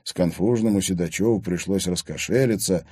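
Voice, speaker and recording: A man narrating an audiobook in a steady, measured storytelling manner. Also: sits low, slightly rough, dry recording, clean studio sound.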